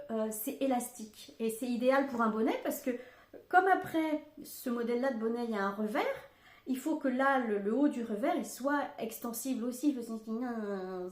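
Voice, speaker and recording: A woman's voice: a little high, normal speed, a little mellow. An older woman hosting a craft podcast from home, chatting casually and rambling with lots of fillers and asides. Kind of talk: casual chat. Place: home room. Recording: echoey room.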